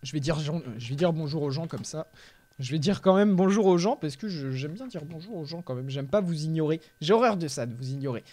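A gaming YouTuber narrates his gameplay live, keeping up a steady chatter and bursting into shouts and yelps whenever a fight breaks out. His voice runs on the high side, animated and a little fast.

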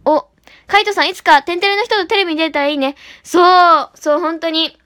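A woman livestreaming as an idol, talking fast and bubbly while reading out and answering chat comments. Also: very high-pitched, bright, forceful tone. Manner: bubbly, often repeats "really".

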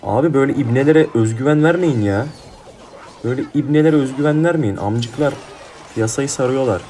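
Brisk and warm, this medium-pitched voice belongs to a young man who runs a gaming YouTube channel, narrating his mobile match while swearing hotly and mocking the other players. Faint game music sits in the background, along with a slight hiss or hum.

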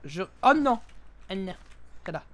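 A young man commentating a live game stream, joking and bursting into yells. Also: high-pitched, unhurried, a little hiss or hum. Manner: jokey, excitable, yells in sudden bursts. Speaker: gaming streamer.

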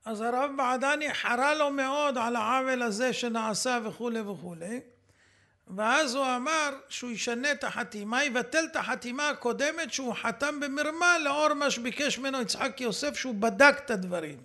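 A man lecturing as a rabbi, indignantly commenting on a recording he stops and replays, at times shouting. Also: very high voice. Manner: fiery, indignant, rising to shouts.

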